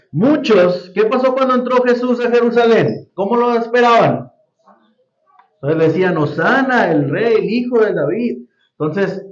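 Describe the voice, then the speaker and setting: A man teaching a Sunday school Bible lesson to a congregation, often quizzing the class with questions. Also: high voice. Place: church hall. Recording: roomy, dull lo-fi church recording.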